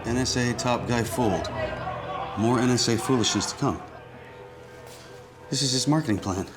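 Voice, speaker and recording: A man's voice: medium pitch, moderate pace, lightly acted. An actor playing an agency deputy director racing to save his kidnapped daughter, urgent and commanding in action film dialogue. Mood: tense. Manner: urgent, commanding, increasingly agitated. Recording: film dialogue under loud score. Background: film music.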